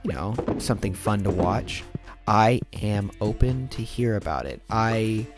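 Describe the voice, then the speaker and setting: Low-voiced man rambling over game music. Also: lively intonation, measured pace. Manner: rambling, with many fillers and restarts. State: sleepy, yawning. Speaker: gameplay commentator. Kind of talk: rambling casual commentary over gameplay. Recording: clear background music. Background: background game music.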